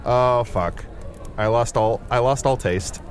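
A man's voice: medium pitch, takes it slowly, faint music behind, close to an everyday voice. A man playing a brash, vain, foul-mouthed fantasy adventurer in improvised comedy, blunt and swaggering in conversation. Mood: dismayed.

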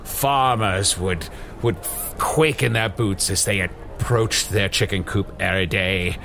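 A man playing a pompous old wizard in improvised fantasy comedy, with grandiose, halting, mock-archaic speech. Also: low-pitched, gravelly, bright, forceful tone, a little hiss or hum, exaggerated voice. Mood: grandiose, mock-solemn. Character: pompous, theatrical old wizard, male, faking his own death.

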